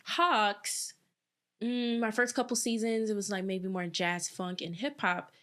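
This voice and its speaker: A woman's voice: mid-range voice, measured pace. A young woman in her twenties, a former pro dancer, chatting casually as an interview guest and acting out what others said. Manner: chatty, animated, acts out quotes.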